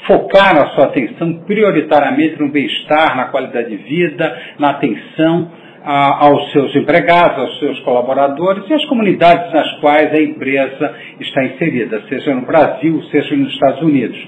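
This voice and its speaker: Brazilian male executive, formal results briefing, measured and halting, thin roomy phone audio with faint noise. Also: on the high side. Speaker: company president. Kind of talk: corporate results presentation. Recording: noisy, echoey phone-line audio.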